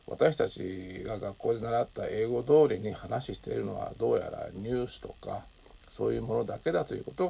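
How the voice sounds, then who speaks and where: An older man from Japan talks casually through his own show, his low voice heavily gravelly with fry. The tone is dark and husky, and he leans on fillers and soft tag particles as he goes. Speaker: podcast host. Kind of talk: casual solo talk.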